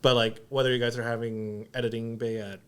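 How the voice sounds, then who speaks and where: A young man on a podcast, reminiscing in an animated, rambling way with many restarts. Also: mid-range voice, brisk, clear, resonant tone. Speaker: podcast guest and graphic designer. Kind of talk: casual chat.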